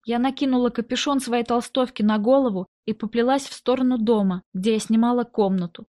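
Higher-voiced woman narrating a story. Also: fairly even intonation, a little fast, dark tone. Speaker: audiobook narrator. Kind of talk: first-person story narration.

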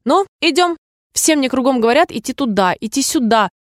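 A woman's voice: high-pitched, animated, brisk, no room sound, voice pushed up. A lazy male gryphon from a storybook who grumbles and mocks, voiced by a woman reader. Dry, close sound, no room tone. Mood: grumbling. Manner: grumbling, mocking.

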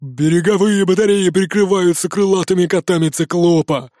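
Man doing a storybook hyena commander: scheming, gloating, bossy, and a touch higher than average. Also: normal speed, a little mellow, no echo, clean studio sound, lightly acted. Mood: scheming commands.

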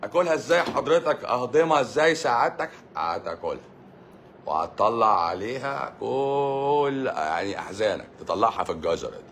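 A doctor with an Egyptian Arabic accent hosts a live stream, reading viewer comments aloud and answering them in a teasing, sarcastic way. His medium-pitched voice is a bit bright and a little fast, with big pitch swings. There is a little hiss or hum in the recording.

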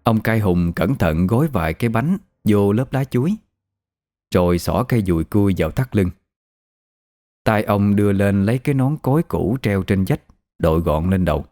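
A man telling a horror story in a grave, measured narration. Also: on the low side, animated, mellow, no room sound, clean studio sound. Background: faint music.

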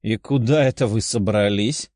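A man's voice: on the low side, normal speed, darkish tone, dry recording, studio quality, pitched below the performer's own voice, close to an everyday voice. A man doing a crude vulgar young nobleman. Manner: crude, mocking.

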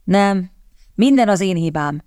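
A woman's voice: mid-range voice, expressive, darkish tone, clean tone, no echo, clean studio sound, close to an everyday voice. A woman voicing a stern young nobleman and protective elder brother in an audiobook, speaking sharply. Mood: remorseful.

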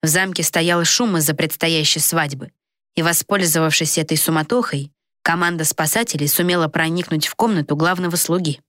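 Lower-voiced woman narrating a story. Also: fairly quick, fairly bright tone, no echo. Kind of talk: audiobook narration. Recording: dry close recording.

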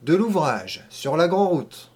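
A man's voice: a little high, big pitch swings, takes it slowly, breathy edge, voice pushed up, exaggerated voice. A man reading an audiobook, voicing a pompous, irritable village mayor who barks orders scornfully. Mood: scornful, commanding. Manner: loud, scornful, commanding.

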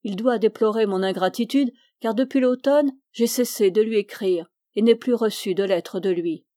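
A woman's voice: medium pitch, moderate pace, warm tone, dry recording, studio quality, lightly acted. A woman voicing a despairing young man torn by love in a novel reading.

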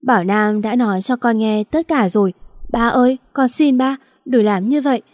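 A woman's voice: on the high side, moderate pace, warm tone, dry recording, studio quality, lightly acted. A woman voicing a loving young adopted daughter who pleads tearfully with her father. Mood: pleading, tearful.

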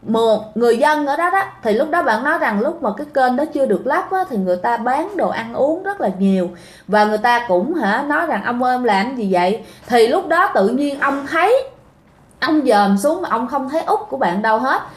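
A woman with a Southern Vietnamese accent tells a ghost story in a loose, conversational way, filling her sentences with little fillers and turning often to her listeners. Her voice sits a bit high, and the recording carries a noticeable roomy echo. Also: lively intonation, fairly quick. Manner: chatty, speaks directly to listeners, many fillers. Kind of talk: casual spoken storytelling.

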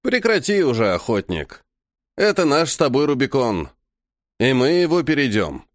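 A man reading an audiobook, voicing a weary old alien chief who is blunt, calm and fatalistic. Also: mid-range voice, normal speed, dry recording, studio quality, natural voice. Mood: grim resolve.

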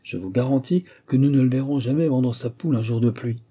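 A man voicing a proud, sharp-tongued middle-aged mother who scolds her family with scorn, in a husky, dark voice. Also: mid-range voice, a little fast, close to an everyday voice. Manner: indignant, scornful.

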